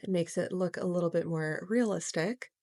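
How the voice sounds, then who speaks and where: A woman narrating her watercolor painting step by step in a gentle, explanatory way, as host of a real-time art tutorial. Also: on the low side, moderate pace, no room sound, studio quality.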